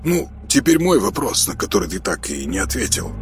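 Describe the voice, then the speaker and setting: A man's voice: lowish voice, sing-song, fairly quick, slight background noise. A man doing a brash, teasing young buddy. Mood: needling. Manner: teasing, pushy, upbeat. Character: brash cheerful young man, pushy friend. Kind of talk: audiobook character voicing.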